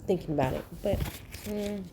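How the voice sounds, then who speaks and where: A woman hosting her own channel, chatting casually and sleepily to her viewers in a relaxed, rambling, affectionate way. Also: medium pitch, moderate pace, background noise. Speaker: channel host. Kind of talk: casual morning chat to viewers.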